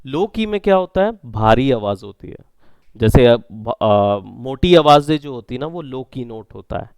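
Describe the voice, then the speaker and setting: A male instructor giving a classroom lecture in a mid-pitched, crisp voice. His explanations are patient and he often checks that the class follows, with no room echo on the recording. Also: animated, moderate pace, a little mellow. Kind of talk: classroom lecture on sound editing.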